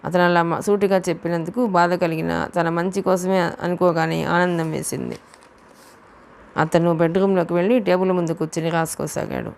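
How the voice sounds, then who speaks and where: Gravelly low-voiced woman narrating a novel. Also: moderate pace. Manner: steady storytelling, voicing the dialogue too. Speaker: audiobook narrator. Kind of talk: reading a novel aloud.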